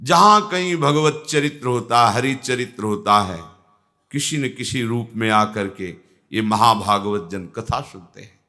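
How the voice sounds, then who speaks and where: An older man giving a slow, measured devotional discourse as a spiritual teacher, rising in tone when he quotes scripture. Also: medium pitch, bright, forceful tone.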